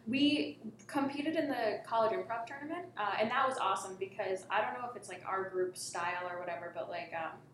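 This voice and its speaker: A woman's voice: mid-range voice, fairly quick, few pauses, fairly bright tone, slight background noise. A young woman, a college improv performer, talking casually with lots of fillers. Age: young adult. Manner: chatty, many fillers. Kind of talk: casual chat. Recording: echoey room.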